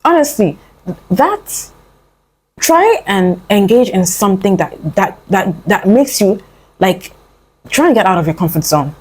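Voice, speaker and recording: On poor audio, a young woman with a medium-pitched, slightly rough voice sounds very animated yet unhurried. Vlogging a casual motivational talk, she earnestly coaxes and pleads with her listener, using "my love" and "honey," and rambles with frequent fillers and restarts.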